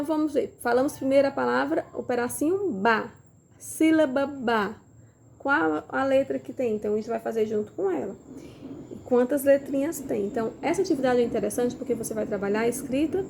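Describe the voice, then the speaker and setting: A woman's voice: on the high side, creaky, dark tone, slight background noise. A woman teacher, talking parents through letter activities in a casual instructional way and modeling questions as if to a child. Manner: demonstrates with materials, asks questions as if to a child.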